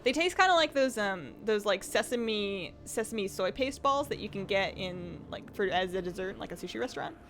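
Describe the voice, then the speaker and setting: She's a woman streaming a game, chatty and meandering, reading viewers' comments out loud as her voice grows a bit strained. Medium in pitch and animated, she talks at normal speed with few pauses, and there's a little hiss or hum on the audio.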